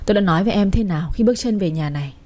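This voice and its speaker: A woman's voice: medium pitch, expressive, racing, a little mellow, close to an everyday voice. Storybook: woman reading stern rich young husband, curt and scolding. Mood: angry. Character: stern, cold young husband, a wealthy family's son.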